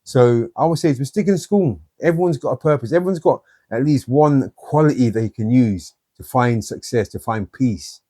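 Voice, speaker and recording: A man's voice: medium pitch, expressive, moderate pace, few pauses, mellow, husky, no echo, clean studio sound. A man telling blunt, streetwise stories from his own life in an interview. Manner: blunt, streetwise storytelling with many "you know"s. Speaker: guest.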